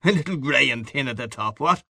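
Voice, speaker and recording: For an audiobook, a man voices a boisterous, boastful, hearty Irish newspaperman from back home, breezy, expansive and patronising in his dialogue. His exaggerated delivery is pitched above his natural voice, medium overall, and comes out expressive, brisk, gravelly, slightly rough and sharp. The studio recording is clean and dry.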